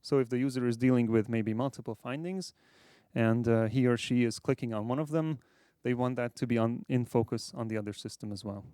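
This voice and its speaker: A man from Hungary, a software architect, giving a measured conference presentation with frequent fillers. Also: medium pitch, clean tone, no room sound, studio quality. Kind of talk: conference talk.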